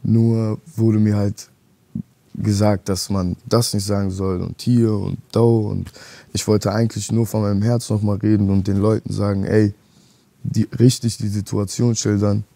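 Soft-spoken young man, dry studio sound. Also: fairly low pitch, little pitch movement, moderate pace, gravelly, no echo. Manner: hesitant, earnest, many restarts. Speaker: rapper, interview guest. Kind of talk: reflective interview talk. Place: dark studio set, seated on leather couch.

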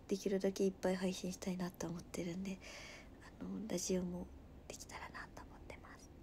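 A twenty-something woman from Nagasaki, Japan chats casually on a livestream in Nagasaki dialect with a mid-range voice. She reads viewer comments aloud and often drops into a soft murmur.

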